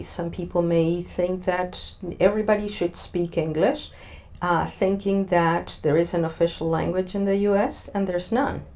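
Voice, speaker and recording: Slow, thoughtful Argentine woman. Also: fairly low pitch, creaky, darkish tone. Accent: Argentine Spanish. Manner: thoughtful, many filler sounds, searching for words. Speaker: interview guest. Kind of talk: interview answers.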